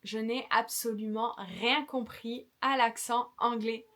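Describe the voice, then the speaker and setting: A woman's voice: fairly high pitch, steady tone, slow pace, a bit bright. A young woman vlogger giving frank, chatty travel advice, full of enthusiasm and small fillers. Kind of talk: casual vlog advice.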